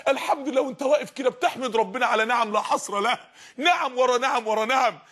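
A man's voice: very high-pitched, fast, a bit bright. A man preaching with an Egyptian Arabic accent, fervent and emphatic, raising his voice at times. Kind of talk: energetic religious lesson.

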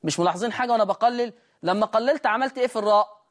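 Egyptian man teaching Quran recitation. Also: high-pitched. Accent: Egyptian Arabic. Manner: asks himself questions and answers them, drawn-out demonstrations of sounds. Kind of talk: recitation lesson. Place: teaching room with a board.

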